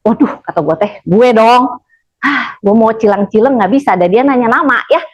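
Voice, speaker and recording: A woman with a fairly high voice spins a casual story for a group of listeners. Her talk is loose with a tinge. She is blunt and lively, acting out quoted lines and laughing along. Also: normal speed, muffled recording. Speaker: storyteller addressing an audience.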